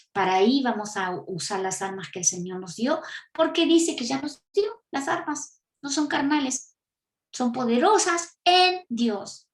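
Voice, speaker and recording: A woman with an Argentine accent preaching a teaching sermon, emphatic and full of rhetorical questions. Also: a little high. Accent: Argentine Spanish. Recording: echoey room.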